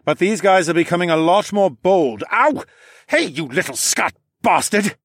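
A man's voice: mid-range voice, moderate pace, no echo, clean studio sound, voice pushed up, close to an everyday voice. A man doing a brash, irritable falcon man. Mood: irritated.

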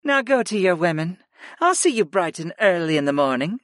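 A man's voice: high voice, very animated, a little fast, fairly bright tone, dry recording, studio quality, voice pushed up. A man voicing a tender goddess woman. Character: loving dark-haired goddess, calm, affectionate woman.

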